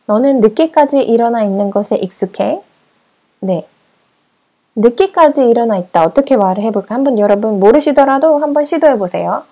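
A woman English teacher with a fairly high but mellow, warm voice. She gives short drill prompts and countdowns. She repeats each model sentence slowly and clearly. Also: expressive. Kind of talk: language lesson with drills.

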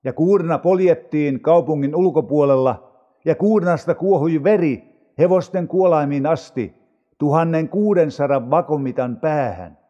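A man reading scripture aloud for an audio Bible in a measured, unhurried way. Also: a little high, mellow, big-room sound, highs cut off.

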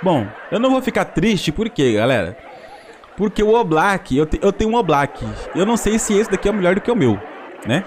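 A young man with a Brazilian accent giving excited commentary on a mobile football game, groaning and laughing at his bad luck. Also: sits high, fairly quick, some chatter behind, slight background noise. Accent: Brazilian Portuguese.

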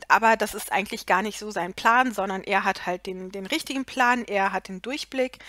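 A woman's voice: a little high, fairly bright tone, no echo, studio quality. A woman giving a casual, opinionated spoken book review, frank and full of fillers.

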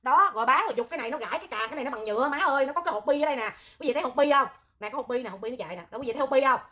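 This woman with a Southern Vietnamese accent speaks high and fast, with a loud, piercing voice that cuts through. She hosts a livestream in a hot-tempered, animated way, rambling into jokes. Her tone is sharp and bright. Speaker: livestream host, charity oxygen volunteer. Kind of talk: livestream talk to viewers.

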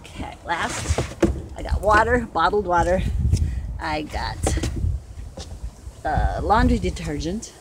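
An older woman vlogs a casual haul, rambling as she unpacks shopping bags at home and cooing at her dogs, moving between a porch and a carpeted room. Her fairly low voice has lively intonation, and she speaks slowly with long pauses. The recording is very noisy.

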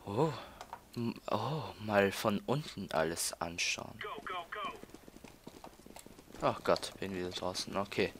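Halting young guy gaming. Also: fairly low pitch, expressive, a bit bright, a little hiss or hum. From Austria. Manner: halting, repeats words, many fillers. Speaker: let's player. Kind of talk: casual gameplay commentary.

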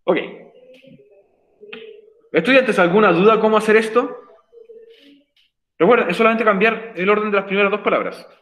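A man's voice: high-pitched, moderate pace, pauses often, fairly bright tone. A man teaching an online English class over a video call, explaining patiently and repeating key points. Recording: roomy echo.

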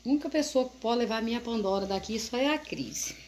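A woman's voice: on the high side, fast, darkish tone. A woman vlogging casually at home, chatting to her viewers and cooing in baby talk at her puppies.

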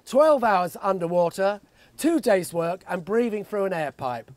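Older guy in his 60s doing a father of the bride speech, pretty high voice, jokey stories off his notes. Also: animated, measured pace, no echo. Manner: jokey storytelling. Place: outdoor garden wedding reception. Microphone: handheld microphone held close.

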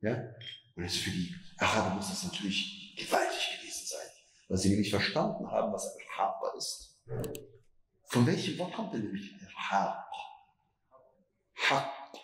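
A man's voice: fairly low pitch, very animated, normal speed, echoey room, low-quality recording. A man giving a Quran commentary lecture as imam, asking rhetorical questions and stretching words for emphasis.

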